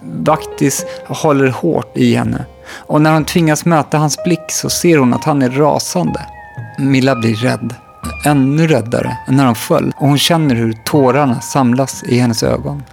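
A man reading a children's book aloud in a calm, even storytelling manner. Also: medium pitch, gravelly. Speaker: audiobook narrator.

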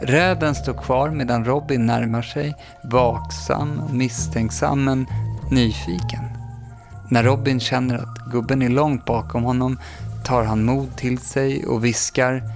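Male storyteller, mid-pitched and gravelly, reads calmly with dramatic pauses over a music bed. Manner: calm, measured reading with dramatic pauses. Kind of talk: scripted story narration. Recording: background music under the voice.

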